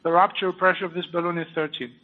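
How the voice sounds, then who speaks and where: A surgeon with a high voice and a French accent gives live commentary as he performs a procedure, explaining each step in a steady tone. He halts often with many fillers, and his voice comes through a thin, tinny line like a phone.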